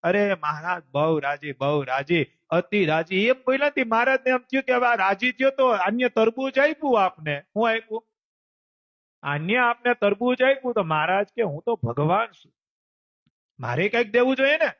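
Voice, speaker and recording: A man telling a devotional story as a sermon, acting out the characters as he goes. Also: no echo. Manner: animated, voices the characters in the story with quick pitch jumps. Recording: dull lo-fi recording.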